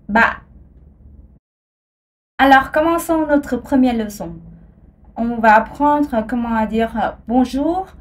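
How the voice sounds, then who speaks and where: A woman teaching a language lesson, speaking deliberately and repeating each example. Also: on the high side, darkish tone.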